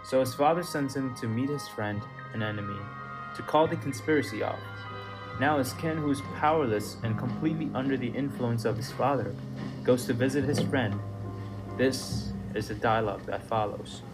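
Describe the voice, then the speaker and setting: A man's voice: medium pitch, normal speed, over music. A young man from Nepal hosting a solo podcast, telling his story in an earnest, sometimes indignant way. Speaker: podcast host.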